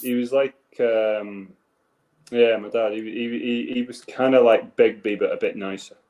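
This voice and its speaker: A man's voice: mid-range voice, steady tone, measured pace, a little mellow. A man who works as a teacher, giving blunt, matter-of-fact opinions in a casual podcast chat.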